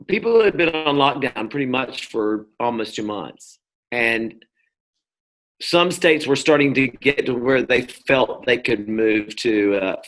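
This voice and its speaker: A man's voice: mid-range voice, a bit bright. Rambling American man from the South. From North Carolina, US South. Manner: rambling, many restarts and fillers. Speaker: interview guest. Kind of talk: casual conversation.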